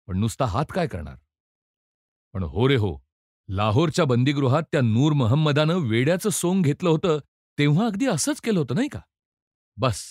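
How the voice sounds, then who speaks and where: A crude, defiant male prisoner with a lively, swooping voice, cunning and set on revenge, as a man reads him aloud. He taunts and jeers in a storybook telling, and the voice sits close and dry, with no room sound. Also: medium pitch, dry recording. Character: vengeful, foul-mouthed male convict, cunning and defiant.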